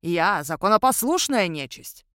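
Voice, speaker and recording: A woman's voice: on the low side, unhurried, clear, resonant tone, dry recording. A woman voicing a curt, dry-witted male spirit, as in an audiobook. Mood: deadpan. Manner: deadpan and curt. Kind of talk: audiobook narration.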